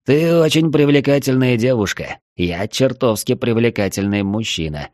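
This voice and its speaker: A man's voice: medium pitch, lively intonation, normal speed, darkish tone, no echo, studio quality, pitched above the performer's own voice, close to an everyday voice. A male reader voicing a brash, wisecracking young raft captain. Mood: jaunty.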